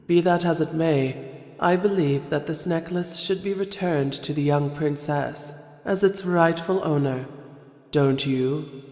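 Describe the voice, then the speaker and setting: A woman playing a regal, ancient Snow Queen in an audio play, speaking in an imperious, measured manner. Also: low voice, mellow. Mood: gracious. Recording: echoey reverb, music underneath.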